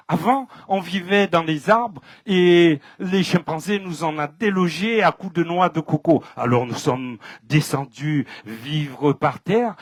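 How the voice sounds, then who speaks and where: A man giving voice to a small, put-upon male snake in a spoken folk tale, loud, plaintive and indignant, with a French Caribbean accent. His voice is pitched a little higher than usual. The recording is close and dry. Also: no room sound, natural voice.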